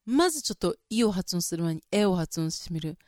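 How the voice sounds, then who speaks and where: A woman's voice: on the low side, lively intonation, fairly quick, darkish tone, dry recording, studio quality. A woman hosting a casual spoken vocal lesson, explaining chattily and breaking into sung vowel demonstrations. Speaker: vocal coach and podcast host.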